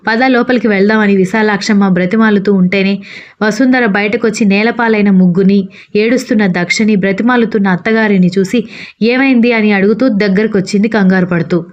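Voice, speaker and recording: A woman's voice: mid-range voice, fairly even intonation, a little fast, lo-fi sound. A woman reading a love story aloud as narrator, speaking the characters' lines in her own voice.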